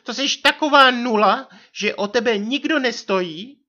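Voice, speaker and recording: Guy doing a shrill high young wife, scolding and dramatic, loud, kinda lo-fi audiobook sound. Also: heavily acted. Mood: indignant scolding. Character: indignant young wife, theatrical and reproachful.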